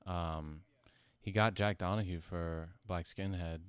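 A man who sounds high, talking casually about his music in a rambling, slangy, profane stoner manner. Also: fairly even intonation, slow, clean tone, no room sound. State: high from smoking. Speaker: musician being interviewed about own album. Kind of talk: casual chat.

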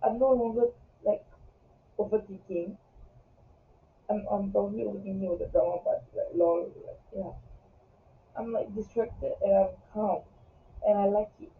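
A man's voice: high-pitched, steady tone, normal speed, creaky, long pauses, a little hiss or hum. A young man around twenty chatting casually as a vlogger, rambling and cutting himself off with giggly asides. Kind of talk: casual confessional chat. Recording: roomy, distant, phone-like sound.

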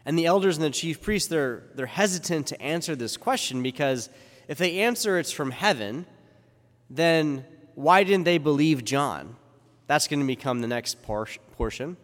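Reading from the gospel before moving into a conversational sermon, a man with a highish, animated voice speaks at a moderate pace and asks many rhetorical questions. A large church gives his voice a long, cathedral-style reverb.

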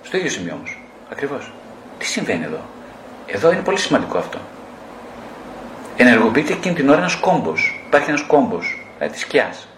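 A man's voice: medium pitch, big pitch swings, long pauses, reverberant, background noise. A male psychotherapist giving an explanatory lecture, often posing rhetorical questions.

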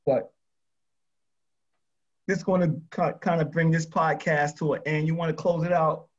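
A man co-hosting a podcast, talking casually and haltingly with repeated words. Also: fairly high pitch, steady tone. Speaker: podcast co-host. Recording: dull lo-fi mic.

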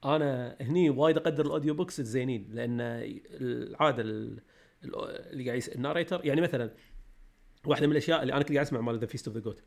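A man, co-hosting a podcast in casual chat, talking eagerly and laughing easily. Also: mid-range voice. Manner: rapid, enthusiastic, laughs easily. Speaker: podcast co-host.

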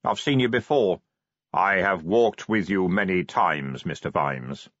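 A man voicing Death as a calm, measured, dry-spoken skeletal figure in an audiobook reading. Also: low-pitched, no echo, voice pushed down. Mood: dry, unhurried. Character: Death, calm slow skeletal male being. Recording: dull lo-fi audiobook recording.

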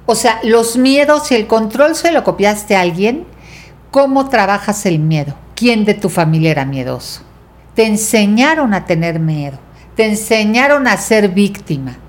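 Animated middle-aged Mexican woman teaching. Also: medium pitch, normal speed. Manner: animated, teacherly, acts out quotes. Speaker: guest teacher. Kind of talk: casual podcast talk.

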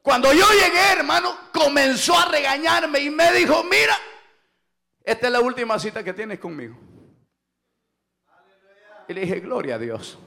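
A middle-aged male pastor shouts through a Pentecostal sermon, tossing "aleluya" and "hermano" between phrases. His voice is extremely high, expressive and creaky, at a moderate pace with long pauses.

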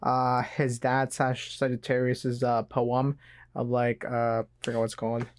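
Young man, average pitch, casual podcast chat, slangy, short repeated phrases. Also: monotone, unhurried. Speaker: podcast participant.

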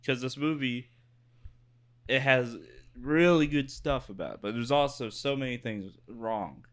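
A young man co-hosting a podcast in casual chat, rambling with halting restarts and casual swearing. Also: medium pitch, a bit bright. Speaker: podcast co-host.

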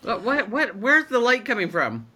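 Lively, bright-voiced joking woman co-host. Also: on the high side, normal speed, breathy edge. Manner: teasing, joking, swears freely. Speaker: podcast co-host. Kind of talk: casual chat. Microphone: video call.

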